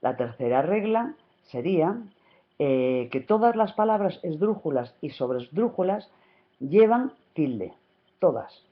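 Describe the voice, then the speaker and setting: A woman's voice: sits low, sing-song, a little slow. A woman with an accent from Spain teaching a grammar lesson, patient and often checking that her students follow along. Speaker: Spanish teacher. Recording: dull lo-fi recording.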